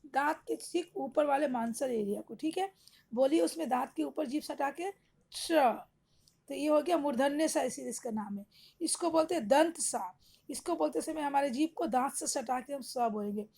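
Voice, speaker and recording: A woman's voice: high-pitched, moderate pace, vocal fry, warm tone. A woman teacher giving an online grammar lesson to young children, patiently explaining step by step and answering her own questions.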